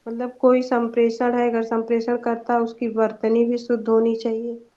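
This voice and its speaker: A woman's voice: on the high side, monotone, moderate pace, warm tone. A young woman giving a student presentation in an online class, explaining points with examples and a few hesitant fillers. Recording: dull lo-fi online class audio.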